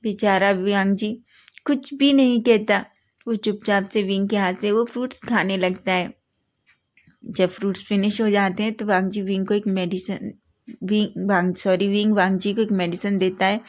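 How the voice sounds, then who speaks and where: A woman's voice: mid-range voice, steady tone, a little slow, a little mellow. A woman narrating a fanfiction love story, often stumbling and correcting herself mid-sentence. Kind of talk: storytelling reading.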